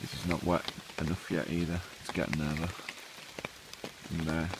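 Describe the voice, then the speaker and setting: A man's voice: rumbling low, level tone, moderate pace. A man chatting casually and informally to camera as a camping vlogger, in an understated, rambling way. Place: outdoors in wet woodland. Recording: rain pattering, clear background noise.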